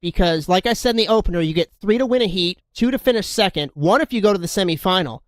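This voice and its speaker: Man, race commentator, high-pitched, excitable, play-by-play calling. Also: fast talker, dry recording. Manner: excitable, shouts at big moments.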